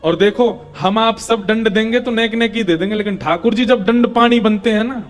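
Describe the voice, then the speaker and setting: A man's voice: high-pitched, moderate pace, faint music behind. A young man preaching a devotional scripture discourse, telling the story with acted dialogue and chanting verses. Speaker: katha preacher.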